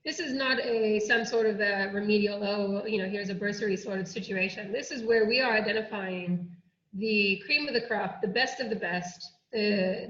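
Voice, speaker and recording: Speaking from an indoor room, a woman with an American accent, an oceanographer from the United States, earnestly explains a programme during an online workshop. Her medium-pitched voice is fairly bright, and the muffled, roomy call audio carries slight background noise.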